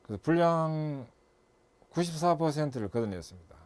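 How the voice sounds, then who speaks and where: A man's voice: on the high side, expressive, moderate pace, a little mellow. A middle-aged man lecturing as an instructor and consultant, listing steps methodically and correcting himself as he goes.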